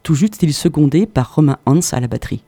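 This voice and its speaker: A man's voice: on the high side, animated, fast talker, warm tone, no room sound. A man from southern France delivering a mock-serious, ironic radio comedy chronicle full of rambling asides, into a studio microphone. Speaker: radio columnist.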